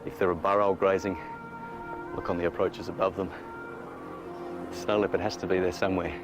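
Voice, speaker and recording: Deep-voiced man, reflective nature documentary narration. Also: little pitch movement, a little fast, over music. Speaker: wildlife filmmaker.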